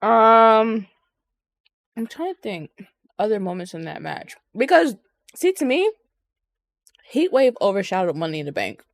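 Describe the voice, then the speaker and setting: A woman's voice: mid-range voice, big pitch swings, unhurried, pauses often, no room sound, studio quality. Woman rambling casually about wrestling. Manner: rambling, profane, frequent ums. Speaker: podcast co-host.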